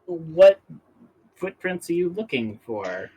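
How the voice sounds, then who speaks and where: A man's voice: fairly high pitch, big pitch swings, slow, warm tone, husky, low-quality recording. A man running a tabletop role-playing game as game master, narrating and answering questions casually. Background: music.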